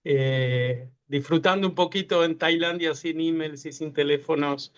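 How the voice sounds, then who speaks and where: A man's voice: on the high side, steady tone, measured pace, smooth. A man from Uruguay, a tech entrepreneur guest speaking hesitantly with many fillers and restarts in an online interview. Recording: muffled lo-fi video call audio.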